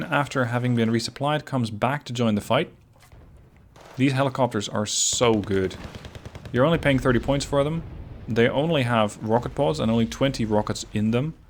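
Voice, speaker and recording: A man commentating his own strategy game replay, relaxed and analytical, pointing out his own mistakes as he goes. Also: mid-range voice, slight background noise. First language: not Finnish. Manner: relaxed, analytical, self-critical. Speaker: gameplay commentator.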